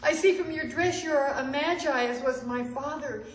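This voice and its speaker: Brief: woman reading as a frightened young woman, higher and pleading, echoey hall. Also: moderate pace, lightly acted. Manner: pleading, raised and urgent. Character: desperate young woman facing slavery.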